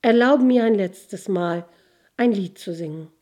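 A woman's voice: medium pitch, a little slow, warm tone, lightly acted. A woman reading aloud voices a young male soldier who pleads and laments. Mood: pleading.

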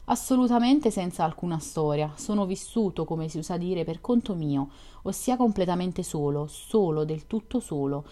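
A shy, solitary young male dreamer, earnest and wistful, as a woman narrator reads him. The voice is lowish and mellow and carries a reflective, storybook telling. It stays measured and sincere. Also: lively intonation, natural voice. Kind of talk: audiobook reading of a novel.

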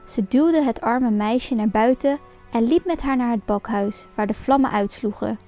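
A woman's voice: a little high, normal speed. Woman reading a fairy tale aloud. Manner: lively, expressive storybook reading. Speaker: storyteller. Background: faint music.

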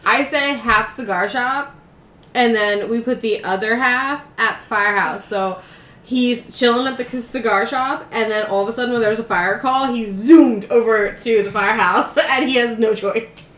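Giggly woman with a slightly high voice. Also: normal speed, fairly bright tone. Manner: giggly, rambling with restarts. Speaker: podcast co-host. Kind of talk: casual chat. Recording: echoey room with faint background noise.

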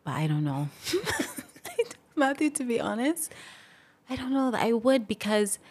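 A woman's voice: on the high side, huge pitch swings, unhurried, slightly rough. A young adult woman speaking as a podcast guest, reflective and open, laughing off moments of emotion. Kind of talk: casual interview talk.

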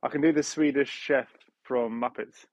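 A man's voice: mid-range voice, steady tone, normal speed. A man co-hosting a podcast, chatting in a playful, jokey way. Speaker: podcast co-host. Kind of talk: casual chat.

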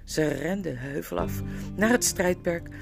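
Audiobook narrator: woman, lower voice, lively and expressive storybook reading. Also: normal speed, vocal fry, over music.

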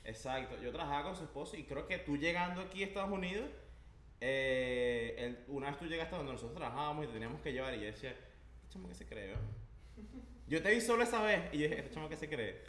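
A fast-talking man with a Venezuelan Spanish accent chats casually as a podcast guest. He acts out what people said, and his voice rings in an echoey room with faint background noise. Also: on the high side. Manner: animated storytelling, acts out quoted remarks. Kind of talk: casual chat.

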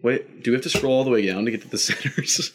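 A young man chats casually with a friend at a quick pace in a medium-pitched voice, rambling through stories with loose speech full of fillers and frequent bursts of laughter. There's slight background noise.

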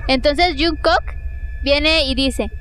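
High-voiced woman reading fanfic with crude jokes. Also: takes it slowly, a bit bright, a little hiss or hum. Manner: blunt, crude joking, reads with playful put-on voices. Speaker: podcast co-host reading a fanfic aloud. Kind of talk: casual comedic chat and dramatic reading.

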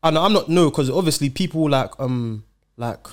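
A man's voice: fairly high pitch, lively intonation, normal speed. A young man with a London roadman accent, chatting casually in street slang. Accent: London, urban slang. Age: young adult. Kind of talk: casual group chat.

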